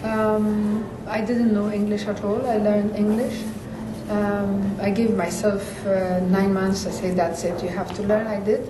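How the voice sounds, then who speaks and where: A woman's voice: mid-range voice, level tone, a little slow. A woman in an interview. She talks in a thoughtful, hesitant way with many fillers. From Afghanistan. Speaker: interview guest. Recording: echoey room, distant mic, background noise.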